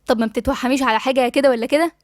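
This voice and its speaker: A woman's voice: sits high, fairly even intonation, racing, no echo, studio quality, close to an everyday voice. A woman with an Egyptian accent voicing an affectionate, coaxing young woman friend in an audiobook. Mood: teasing. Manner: coaxing and teasing. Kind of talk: audiobook dialogue reading.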